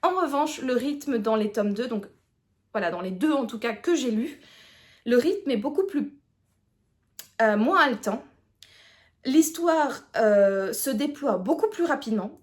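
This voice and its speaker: Woman, 30s, book vlogger: chatty, hesitant, self-mocking; slightly higher voice. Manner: chatty, many hesitations, laughs at herself. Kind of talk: casual book review chat.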